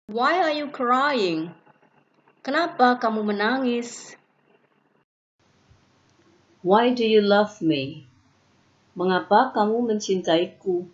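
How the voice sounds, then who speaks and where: Slow, careful woman teacher, lo-fi. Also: medium pitch. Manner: slow, careful reading, each English sentence followed by its Indonesian translation. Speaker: English teacher. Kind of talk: reading example sentences slowly. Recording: dull lo-fi recording.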